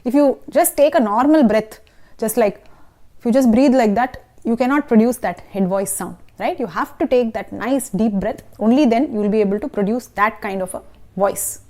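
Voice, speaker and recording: Woman vocal coach, patient explainer, slightly high pitch, lesson delivery with sung demos. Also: normal speed, dark tone. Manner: patient, explanatory, checks in with "okay?" and "right?". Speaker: singing teacher.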